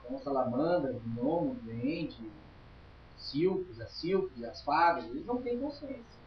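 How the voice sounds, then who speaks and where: A man's voice: mid-range voice, animated, a little slow, far from the mic, a little hiss or hum. A man teaching a spiritualist study group in an informal lecture, chatty and emphatic, often checking in with his listeners. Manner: chatty, emphatic, tags lines with "tá?". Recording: roomy, dull lo-fi room recording.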